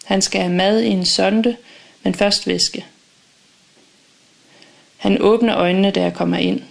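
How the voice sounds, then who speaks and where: A woman reading a first-person audiobook in a calm, measured, intimate way. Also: mid-range voice, gravelly. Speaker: audiobook narrator.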